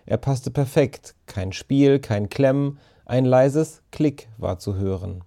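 A man narrating a story in a calm, measured audiobook reading. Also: mid-range voice.

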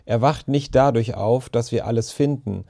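Brief: quiet, dreamy storybook girl, murmured and hushed, read by a man. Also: medium pitch, normal speed, gravelly.

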